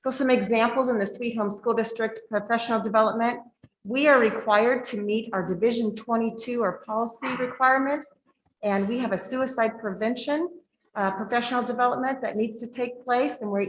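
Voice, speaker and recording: A woman who directs a school district speaks to a board meeting in a big voice, as she says herself, reading her slides aloud and leaning on fillers. Her pitch is fairly high, her intonation fairly even, and her pace brisk, in an echoey meeting room with slight background noise.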